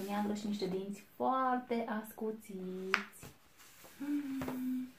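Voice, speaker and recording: Woman reading a picture book to children. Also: mid-range voice. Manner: expressive, addresses young listeners directly. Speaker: children's story reader. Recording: echoey room, faint noise.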